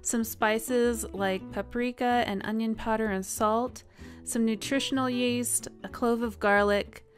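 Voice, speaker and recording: A woman hosting a cooking channel, talking through each step in a relaxed, chatty voice-over with small laughs and fillers. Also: a little high, unhurried. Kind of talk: friendly voice-over cooking instructions. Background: soft guitar music.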